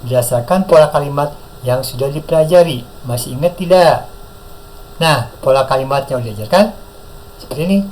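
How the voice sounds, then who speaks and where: A man with an Indonesian accent teaching a Japanese class, drilling words slowly and praising the learners often. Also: medium pitch, a little mellow, slight background noise, low-quality recording. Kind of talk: classroom lesson with call-and-repeat drills.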